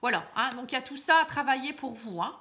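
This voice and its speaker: A woman with a high, bright voice giving a casual card reading straight to the viewer. She talks in a loose, chatty way, full of fillers and little tags. She keeps advising the listener gently. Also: lively intonation, quick pace. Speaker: card reader. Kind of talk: casual tarot reading to camera.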